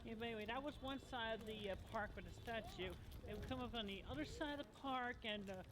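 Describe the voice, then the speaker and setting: A person chatting casually in a mall restaurant, rambling with halting restarts. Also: mid-range voice, noisy background. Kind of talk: casual chat.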